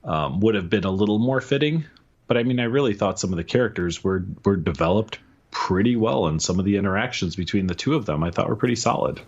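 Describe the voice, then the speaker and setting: A man's voice: lowish voice, fast talker, breathy edge, highs cut off. A man co-hosting a podcast, chatting casually and rambling a bit while reviewing a book. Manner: relaxed, rambling, chuckles often. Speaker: podcast co-host.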